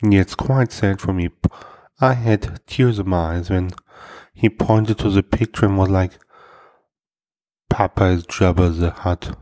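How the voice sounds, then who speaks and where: Deep voiced guy hosting a comedy podcast, slow and deadpan, pokes fun at himself. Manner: self-deprecating, dry joke delivery. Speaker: podcast host.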